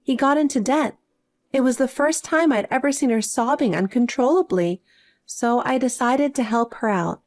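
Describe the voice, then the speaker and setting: A woman voicing a calm, self-assured adult younger sister who speaks matter-of-factly. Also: high-pitched, moderate pace, natural voice. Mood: explaining. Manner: cool and matter-of-fact.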